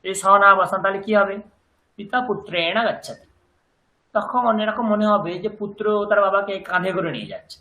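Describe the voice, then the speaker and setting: A man's voice: high voice, expressive, bright, forceful tone. Patient man teaching in an echoey room. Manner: patient, drills words by slow repetition. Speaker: language teacher. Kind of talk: grammar lesson.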